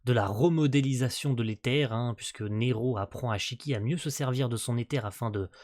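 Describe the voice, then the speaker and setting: A man's voice: mid-range voice, a little fast, a little mellow. Casual male reaction host, late-night tired, rambling delivery, lots of fillers and stumbles. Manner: rambling, full of fillers and tag words; stumbles over words and restarts. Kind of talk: casual live reaction commentary.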